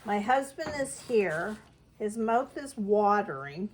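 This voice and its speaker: A woman's voice: medium pitch, animated, slow pace, slight background noise. A middle-aged woman chatting homily through a bread recipe in her kitchen. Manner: homey, chatty, step-by-step. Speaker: home baking vlogger. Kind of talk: casual cooking demonstration.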